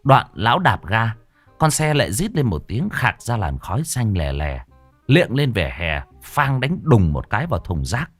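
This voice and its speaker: A man's voice: fairly low pitch, very animated, normal speed, no room sound, faint music behind. A man narrating a story in a vivid, earthy way.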